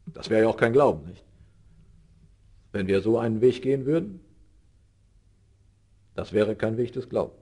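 A middle-aged man preaching a sermon in an earnest way, his voice rising and falling, and slowing down on key words. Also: animated, husky. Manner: earnest, rises and drops in pitch and loudness.

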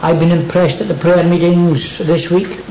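A man's voice: on the high side, steady tone, moderate pace, mellow, reverberant, highs cut off, a little hiss or hum. A man preaching a sermon, dwelling on key words and repeating them for emphasis.

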